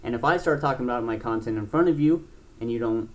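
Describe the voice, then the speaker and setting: A man's voice: mid-range voice, quick pace. A man in his twenties, a gaming YouTuber, talking casually and bluntly to camera, rambling with many restarts and fillers. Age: 20s. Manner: blunt and frank, swears.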